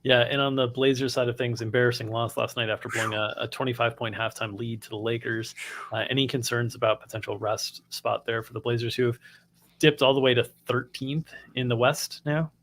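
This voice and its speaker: A man's voice: mid-range voice, steady tone, fairly quick, fairly bright tone, slight background noise. A man hosting a live sports betting stream, upbeat and practiced as he reads sponsor plugs. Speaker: host.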